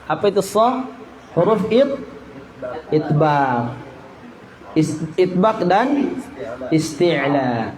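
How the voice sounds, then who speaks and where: A male Quran teacher from Indonesia running a tajwid lesson, repeating syllables and chanting verses slowly for students to copy. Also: fairly high pitch, sing-song, a crowd in the background, rough recording. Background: group of students in the room.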